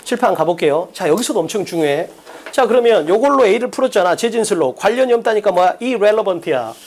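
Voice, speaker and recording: A man lecturing on exam English, his pitch swinging widely as he drills students. He keeps firing rhetorical questions and answering them himself. His delivery is brisk and instructional, like a recorded prep-course lesson. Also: animated, a little mellow.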